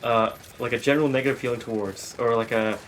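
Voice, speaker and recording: A man's voice: medium pitch, steady tone, quick pace, slight background noise. A man asking long, rambling questions full of fillers in a casual chat. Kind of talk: casual group chat about dreams.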